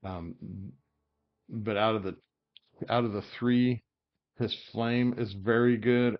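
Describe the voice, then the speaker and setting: Low-voiced guy going over game builds, lots of ums, slightly muffled mic, hiccupy. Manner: rambling, thinking aloud with many fillers. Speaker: game guide creator. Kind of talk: casual gameplay commentary.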